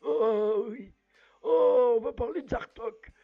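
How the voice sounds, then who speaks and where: Man doing a cheery high-pitched old grandpa figure for a video, doting, quavery, over soft music. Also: takes it slowly, narrow, tinny audio, full character voice. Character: cheerful old grandpa, the host's future self.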